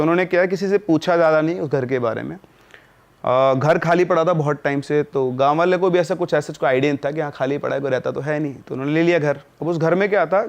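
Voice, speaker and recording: A man casually telling a spoken horror story, conversational, with fillers and self-corrections. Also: mid-range voice.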